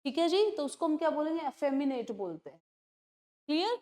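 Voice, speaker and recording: A young woman teaching English vocabulary for an exam, explaining in Hindi mixed with English, often checking "clear?" and reading definitions out slowly. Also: high-pitched, very animated, a little mellow. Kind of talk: exam-prep lecture.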